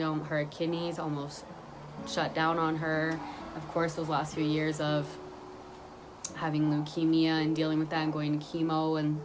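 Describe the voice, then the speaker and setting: A woman's voice: low-pitched, background noise. A young woman telling a personal story on her vlog, earnest and rambling, often restarting her sentences. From Guatemala, raised in Utah. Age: young adult. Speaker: vlogger.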